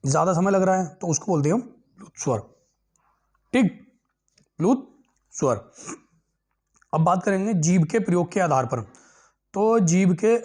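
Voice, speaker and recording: A male teacher with a high-sitting, somewhat dark voice leads a grammar lesson for exam prep. He poses questions and then answers them himself, repeats the key terms, and checks that his students are keeping up.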